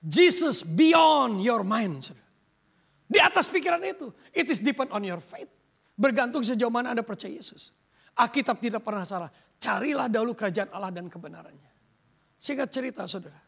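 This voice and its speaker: A man's voice: very high voice, lively intonation, fairly quick, gravelly, a bit bright, slightly rough. A man preaching a sermon as pastor, emphatic and dropping English phrases into his talk. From Indonesia. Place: church sanctuary.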